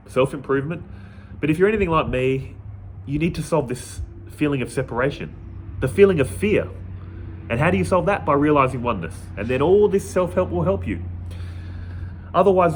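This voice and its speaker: A man's voice: on the high side, slight background noise. A man hosting a spiritual video channel, talking earnestly to his viewers in a casual monologue and often repeating words as he goes. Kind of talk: casual direct-to-camera monologue.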